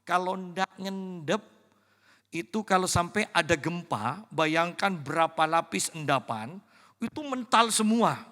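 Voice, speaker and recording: High-voiced preacher in an echoing hall. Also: male voice, animated. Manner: swings from hushed, slow emphasis to loud, high-pitched exclamations. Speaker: pastor. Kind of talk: sermon. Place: church sanctuary. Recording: reverberant church hall.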